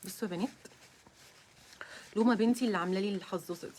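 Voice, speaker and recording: A woman's voice: medium pitch, rapid-fire, a little mellow, slight background noise. A young woman with an Egyptian accent hosting a casual live stream, flustered and nervous and often breaking into giggles. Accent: Egyptian Arabic.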